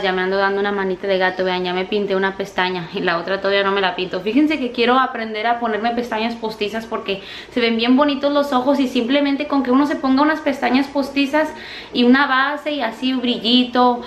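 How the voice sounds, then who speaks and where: Chatty mom vlogging at home. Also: female voice, a little high, fairly even intonation, a little fast, a little hiss or hum. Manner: chatty, warm toward viewers, often calls them "chicas". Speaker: family vlogger, mother. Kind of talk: casual home vlog talking to viewers.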